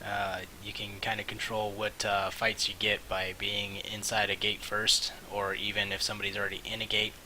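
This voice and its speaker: A man giving casual, rambling and halting commentary on a game stream, with mouse clicking behind him. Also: fairly low pitch, monotone, pushed and bright, poor audio. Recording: hissy mic, faint background noise.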